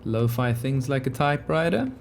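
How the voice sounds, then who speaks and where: A man's voice: medium pitch, lively intonation, moderate pace, vocal fry, slight background noise. A man hosting a gaming video, giving casual, laid-back, musing commentary as he plays.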